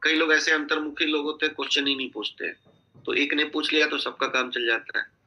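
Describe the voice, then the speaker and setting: Bright-voiced male sales coach. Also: a little high, flat delivery, a little fast, dull audio. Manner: instructive, repeatedly checking in with "theek hai?". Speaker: sales team trainer. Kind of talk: coaching talk on a group video call. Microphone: video call.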